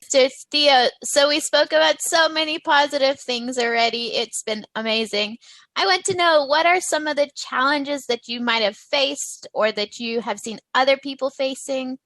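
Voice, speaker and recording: A woman hosting an interview, encouraging and quick to laugh along with her guest. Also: high voice, a bit bright, dry recording. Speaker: interview host. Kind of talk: casual interview chat.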